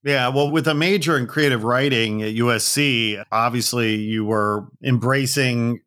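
A male podcast host speaks in a middle-pitched, conversational voice. He asks follow-up questions in a curious, easygoing way. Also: measured pace, a bit bright. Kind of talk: interview questions.

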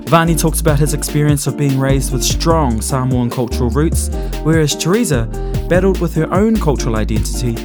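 Relaxed New male co-host, easygoing interviewer, talks over a guitar music bed. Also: a little high, brisk, few pauses. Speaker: podcast co-host. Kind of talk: podcast intro and interviewing. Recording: speech over prominent background music.

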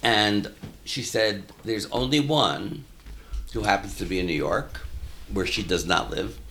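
A man who works as an elder care consultant, talking in a measured, anecdotal way in a casual interview. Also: on the low side, creaky, a bit bright, slight background noise.

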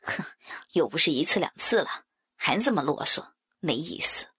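A woman's voice: low-pitched, animated, moderate pace, a bit bright, slightly rough, dry recording, clean studio sound, pitched below the performer's own voice, full character voice. A woman voicing a spoiled young man who grumbles in a listless, dismissive way. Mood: sulky. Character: bored spoiled young man, sulky and lazy.

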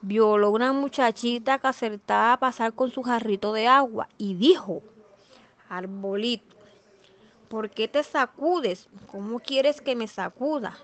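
A woman reading a children's fairy tale aloud as a storyteller, expressive and rhythmic through the repeated chain lines. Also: mid-range voice.

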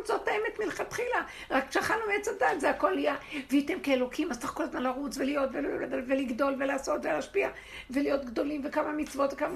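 Woman, high and gravelly, lively religious teacher, laughs through her points. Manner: expressive, laughing, rhetorical. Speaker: spiritual teacher. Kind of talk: animated religious lesson to a women's group.

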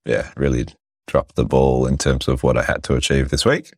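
A man chatting casually on a podcast, reflective, with a husky, sick voice that is giving out. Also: extremely low pitch, steady tone, moderate pace, dry recording, clean studio sound. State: sick, voice giving out after losing it. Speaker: podcast host. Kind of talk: casual chat.

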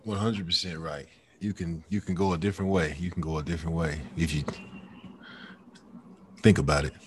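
A man's voice: sits low, steady tone, brisk, background noise. A man hosting a casual chat who agrees with the guest and moves the talk along. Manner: agreeable, steers the conversation. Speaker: host.

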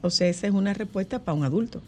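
A woman's voice: mid-range voice, racing, dark tone, slight background noise. An older woman, co-hosting a radio talk show, emphatic and repeating words for stress. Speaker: co-host.

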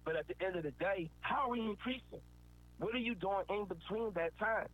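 Brisk and high-voiced, a man gives a preachy, earnest motivational talk, emphasizing ideas by saying them again. The audio is tinny and phone-like, with faint noise.

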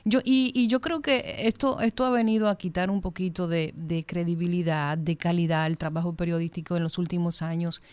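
Female panelist, mellow medium-pitched voice, earnest and articulate, closely recorded dry sound. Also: steady tone, fairly quick, hardly any pauses, clean tone, no room sound. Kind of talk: panel discussion, earnest opinion.

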